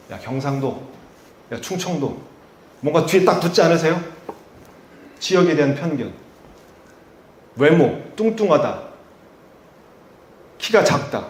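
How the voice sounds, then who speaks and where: In a roomy-sounding space, a male pastor from Chungcheong, Korea, preaches a sermon in a voice on the high side, with a Chungcheong Korean accent. He poses rhetorical questions to the congregation before building to emphatic peaks.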